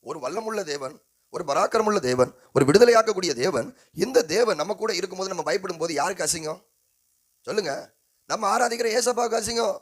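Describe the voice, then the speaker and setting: A man's voice: high-pitched, expressive, fast talker. A man preaching a sermon as pastor, with a Tamil accent, calling on the congregation to answer and repeating phrases in rising, rhythmic exhortation. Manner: call-and-response preaching, prompting the congregation.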